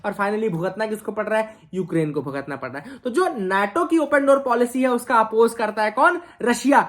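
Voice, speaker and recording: A woman's voice: on the high side, animated, normal speed. A woman teaching an explanatory video lesson for exam students in a chatty way, asking rhetorical questions and mixing in English phrases. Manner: mixes English phrases into speech.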